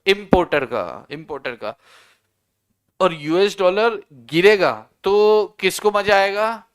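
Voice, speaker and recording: Male teacher, economics lecture, smooth clear voice, slightly high. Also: expressive, takes it slowly, fairly bright tone. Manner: conversational, asks students questions and answers them. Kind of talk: classroom lecture.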